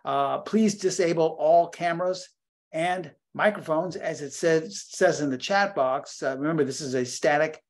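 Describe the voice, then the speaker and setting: A man's voice: fairly high pitch, moderate pace. Older man presenting an online trading webinar. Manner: conversational, repeats phrases for emphasis. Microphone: computer microphone on a video call.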